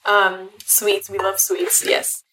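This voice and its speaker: A woman's voice: medium pitch, monotone, slow pace, pushed and bright, slight background noise, low-quality recording. A woman with an American accent, chatty and giggly, co-hosting a casual podcast. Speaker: podcast co-host. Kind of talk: casual chat. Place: home living room.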